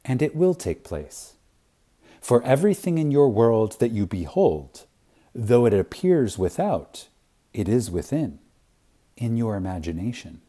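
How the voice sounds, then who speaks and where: A man reads an inspirational spiritual lecture aloud in a reverent, dramatic way, taking long pauses and stressing words strongly. His voice is medium-pitched, very animated, and mellow.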